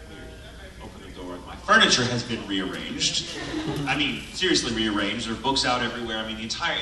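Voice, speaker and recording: A male voice actor telling a comic anecdote at a convention panel, acting out the quotes, recorded from far off in the audience. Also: fairly low pitch. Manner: animated storyteller, acting out quotes loudly. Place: large convention panel room. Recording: echoey hall, taped from far off in the audience. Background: audience murmur and laughter.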